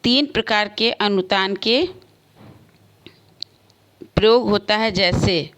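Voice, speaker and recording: A woman teacher giving an online class lesson, explaining slowly with spoken examples and varied emphasis. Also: mid-range voice, fairly bright tone. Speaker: school teacher.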